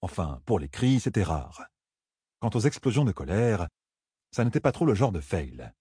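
A man narrating a fantasy novel in a measured storytelling manner. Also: fairly low pitch, big pitch swings, mellow, slightly rough, no echo. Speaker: audiobook narrator. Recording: dry close studio sound.

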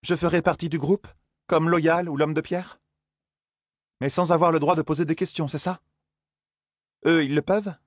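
A man's voice: a little high, fairly even intonation, normal speed, long pauses, dry recording, clean studio sound, pitched above the performer's own voice, close to an everyday voice. A man voicing a defiant young woman. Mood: wary. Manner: sharp, challenging questions. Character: young woman, bold, defiant, quick-tongued.

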